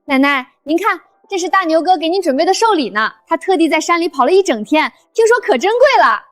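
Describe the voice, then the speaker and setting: An actress playing a petty young granddaughter who mocks a gift, speaking quickly. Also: female voice, very high-pitched, expressive, fairly bright tone, dry recording. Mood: mocking. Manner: mocking, quick. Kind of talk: short drama acting.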